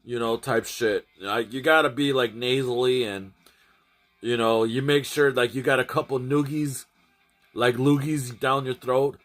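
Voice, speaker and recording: A man's voice: medium pitch, fairly even intonation, unhurried, a bit bright. A man chatting casually to his livestream audience, rambling and often restarting and repeating his phrases. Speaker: streamer.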